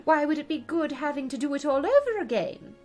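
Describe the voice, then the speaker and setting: High, swooping, flighty storybook queen. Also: big pitch swings, fairly quick, a little mellow, faint music behind. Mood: fussy. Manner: emphatic, swooping, prone to squeals. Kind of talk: theatrical storybook character voice.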